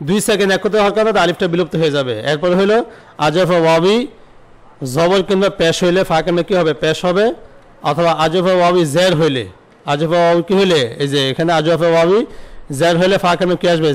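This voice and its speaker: A man with a high, smooth voice teaches an online Arabic grammar lesson. He poses his own questions and answers them, slowly repeating word forms.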